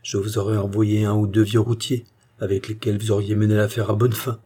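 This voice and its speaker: Man reading as a gruff fatherly police chief. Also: lowish voice, flat delivery, fairly quick, dark tone. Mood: stern.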